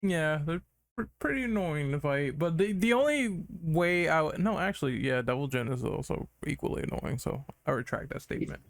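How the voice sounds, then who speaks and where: A man's voice: a little high, animated, brisk, creaky, no echo, clean studio sound. A man hosting a gaming podcast in casual chat, running the questions and swearing casually. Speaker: podcast host.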